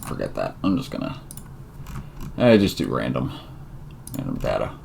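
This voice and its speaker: A very deep, gravelly male voice with a lively, wandering pitch, tired and talking his way through a coding tutorial. He thinks aloud, trailing off into fillers and correcting himself. A faint hiss sits under the recording. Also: moderate pace. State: tired and yawning. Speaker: tutorial presenter.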